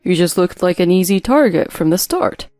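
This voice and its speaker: A woman voicing a charming but manipulative young man in a narrated story, speaking in a calm, smooth-talking way. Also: fairly low pitch, normal speed, no echo, clean studio sound, faint music behind, close to an everyday voice. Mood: mocking. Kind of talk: story narration with voiced quotes.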